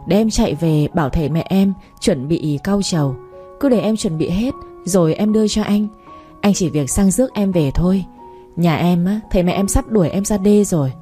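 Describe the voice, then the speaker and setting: Brief: a woman playing a talkative young village girl, pleading, low mellow voice, storybook reading. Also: normal speed, soft background music, close to an everyday voice. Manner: chatty, pleading.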